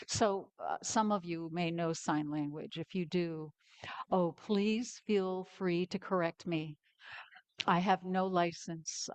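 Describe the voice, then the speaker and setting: Slow-spoken older woman minister. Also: fairly low pitch, dry recording. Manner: slow, pausing, personal and candid. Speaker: guest minister. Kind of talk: conversational sermon.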